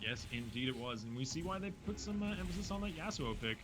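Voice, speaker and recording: A man casting an esports match, giving quick play-by-play with wry jokes. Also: medium pitch, lively intonation, background noise. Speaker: esports caster. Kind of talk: play-by-play commentary.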